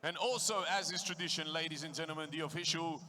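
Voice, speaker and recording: A male ring announcer at a live fight night, calling out to the crowd with a high, ringing voice. His delivery is bright and forceful, with the booming, crowd-working style of a stadium host. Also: fast. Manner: booming, crowd-working, greets audiences in many languages. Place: boxing stadium.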